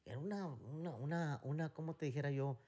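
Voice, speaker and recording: A man's voice: a little high, a little fast, warm tone. A middle-aged man with a Mexican accent, co-hosting a casual chat and rambling through stories with many fillers and restarts. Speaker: podcast co-host.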